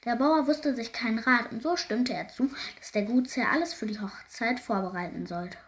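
A woman narrating a folk fairy tale in a lively, expressive way. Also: on the high side, normal speed. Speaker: storyteller.

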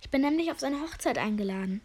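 A woman's voice: sits high, lively intonation, fast talker, a little mellow, voice pushed up. A woman voicing a polite, steadfast female tortoise who speaks in a friendly, patient way for a storybook reading.

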